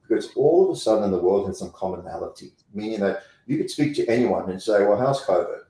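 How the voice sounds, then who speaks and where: A company president with a South African accent is interviewed as a guest, speaking emphatically and repeating phrases for effect. His lowish voice is expressive, warm and fairly quick, recorded at low quality in an echoey room.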